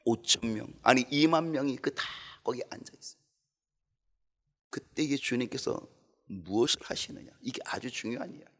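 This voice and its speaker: A man preaching a Sunday sermon as pastor, with animated delivery that swings from loud to hushed. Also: medium pitch, fairly quick. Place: church sanctuary.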